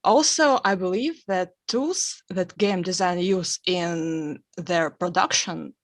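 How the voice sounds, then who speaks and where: Slow, low woman from Russia. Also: dry recording, clean studio sound. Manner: nervous laughs between phrases. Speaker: architect working in game design. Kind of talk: self-introduction on a video call. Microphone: video call.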